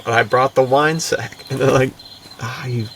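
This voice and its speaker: A podcast co-host speaks in a medium-pitched, fairly bright voice with fairly even intonation at a moderate pace. He's casual, enthusiastic and bro-ish, packing his talk with "dude" and "like." The mic is distant, with faint background noise.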